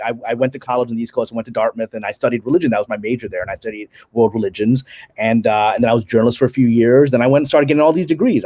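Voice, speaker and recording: A middle-aged man from Pakistan, raised in Brooklyn, telling his story as a guest on a casual video-call interview, animated and laughing often. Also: mid-range voice, dry recording. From Pakistan, raised in Brooklyn, New York. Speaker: guest, screenwriter and director. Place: home room, indoors. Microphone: video call webcam.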